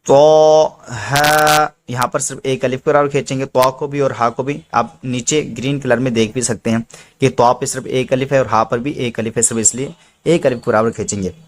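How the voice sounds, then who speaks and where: A man's voice: mid-range voice, steady tone, fairly quick. A man teaching Quran reading step by step, patiently explaining each rule and drawing out the letter names as he recites them.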